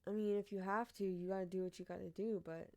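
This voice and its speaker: On a live stream, a young woman with a deep-sounding, slightly mellow voice reads out odd news headlines. She talks fast in a steady tone, blunt and swearing, laughing often.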